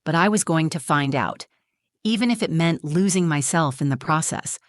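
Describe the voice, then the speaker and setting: A woman tells a first-person story in a measured, reflective voice, leaning on short dramatic phrases. Her voice sits on the low side. The recording is dry and close, with no room sound. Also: expressive, dry recording. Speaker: narrator.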